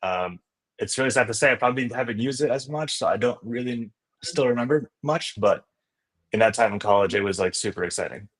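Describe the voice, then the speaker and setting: Mid-range, expressive and a bit bright, his voice runs a little fast. The speaker, an Indonesian man who speaks Indonesian natively, is a startup founder and investor appearing as a guest in a casual podcast interview, telling his story enthusiastically with frequent "you know" and "right?" check-ins.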